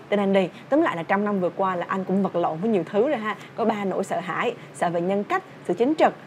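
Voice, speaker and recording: A young woman with a Vietnamese accent and a medium-pitched voice teaches English through a song, explaining the words and drilling pronunciation. There's a little hiss or hum in the recording.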